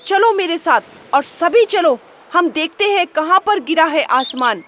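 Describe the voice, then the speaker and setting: A woman voicing a stern male lion king in a children's story, loudly questioning the other animals. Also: very high voice, expressive, a little slow, slight background noise, pitched above the performer's own voice, exaggerated voice. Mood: commanding. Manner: commanding, loud questioning. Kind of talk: storybook character voice.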